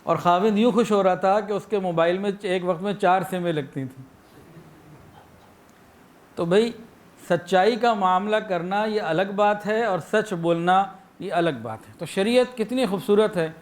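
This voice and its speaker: A man with a Pakistani Urdu accent delivering a sermon, illustrating his points with anecdotes and acted-out phrases. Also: sits high. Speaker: preacher.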